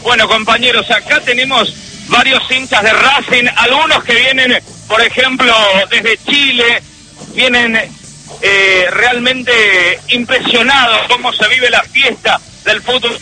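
A man with an Argentine accent interviews fans outside a stadium as a radio field reporter, firing off upbeat, quick questions. His voice is very high and sharply bright. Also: fairly even intonation, rough recording. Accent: Argentine Spanish.

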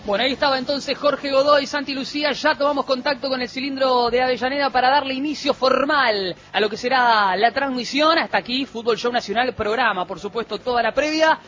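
An Argentine man hosting a live sports radio show from the studio, chatty and filling pauses with "este" and "eh". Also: extremely high pitch, bright, forceful tone, a little hiss or hum. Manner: chatty, with frequent fillers. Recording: muffled radio broadcast.

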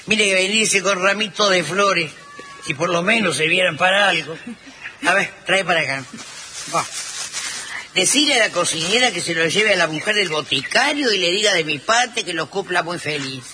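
Bossy scheming mother, Rioplatense accent, exclamatory comedy delivery, very bright and swooping. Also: fairly low pitch, animated, moderate pace, a little hiss or hum. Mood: exasperated. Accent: Rioplatense Argentine. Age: middle-aged. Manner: exclamatory, wheedling and scolding. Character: bossy, scheming, exasperated mother of grown daughters. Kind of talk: theatrical comedy acting.

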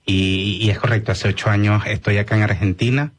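A man in his thirties with a Venezuelan accent, a doctor speaking as a guest on a radio interview in a measured way with many hesitations. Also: on the low side, steady tone. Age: 30s.

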